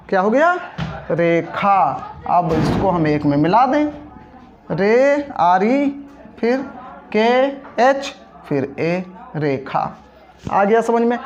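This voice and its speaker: In dull, lo-fi audio, a teacher with a medium-pitched voice walks a class through a spelling lesson step by step. Patiently, the teacher splits words into syllables and checks that everyone understood.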